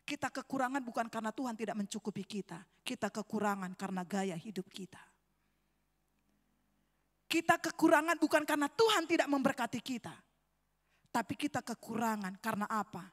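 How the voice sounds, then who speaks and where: High-voiced woman preaching in a church. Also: lively intonation, a little fast. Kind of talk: sermon. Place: church sanctuary. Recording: reverberant church hall.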